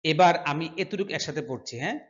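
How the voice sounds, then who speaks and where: Male recitation teacher, high voice, slow drawn-out chanting with repeats, dull lo-fi sound. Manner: chants phrases slowly and repeats them, then explains pronunciation quickly. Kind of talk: slow recitation lesson with explanations.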